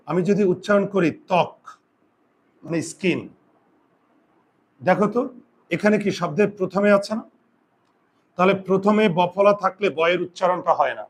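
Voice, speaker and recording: A man teaching a grammar lesson, dictating rules slowly and asking students questions that he then answers himself. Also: high voice. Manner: slow deliberate dictation of rules. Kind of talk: classroom lesson.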